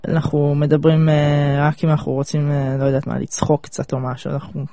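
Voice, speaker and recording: Casting: Israeli woman in her twenties, close dry sound, casual, thoughtful pauses. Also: sits low, monotone, mellow, dry recording. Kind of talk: casual chat.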